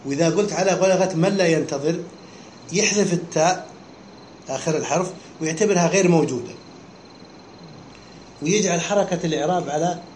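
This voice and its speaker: A male teacher, his voice sitting a little high for a man, walks his students through a text. He keeps breaking off with quick questions to check they follow. The sound is roomy and echoey, with a faint hum behind him. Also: a little mellow. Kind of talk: classroom lesson explaining a text.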